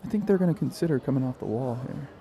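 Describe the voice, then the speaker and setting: A man's voice: medium pitch, lively intonation, racing, vocal fry, highs cut off, crowd noise. A man giving easygoing color commentary on a live-streamed tournament, explaining plays and laughing along with his co-host.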